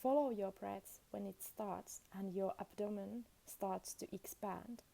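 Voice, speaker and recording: A woman leads a meditation very slowly, offering short, soothing phrases separated by generous gaps. Her mid-range voice is dark and soft-edged with a noticeable fry, and the audio quality is poor.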